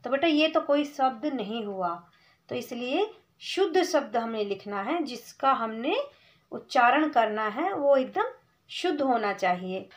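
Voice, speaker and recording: A woman teaching small children to read, patiently explaining step by step and sounding out syllables slowly and clearly. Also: a little high, expressive. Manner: addresses listener as "beta", checks in with "theek hai" often. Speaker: Hindi teacher for young children. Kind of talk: slow patient classroom explanation.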